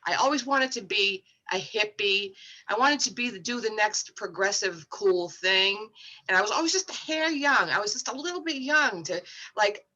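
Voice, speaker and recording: A woman's voice: mid-range voice, animated, moderate pace, bright, forceful tone, poor audio. A woman in her sixties co-hosting a casual chat, frank and reflective, with spiritual turns of phrase. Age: 60s. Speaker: co-host.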